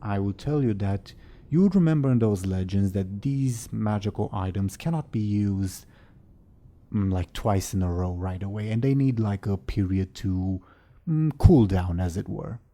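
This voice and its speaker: A man narrating as game master of a tabletop game, in a relaxed, hesitant way with fillers. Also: fairly low pitch, normal speed.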